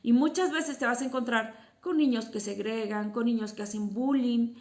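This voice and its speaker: A woman's voice: a little high, steady tone, normal speed, a little mellow. A woman psychotherapist and teacher, explaining to parents in a casual teaching talk and often asking herself rhetorical questions. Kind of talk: informal educational talk to parents.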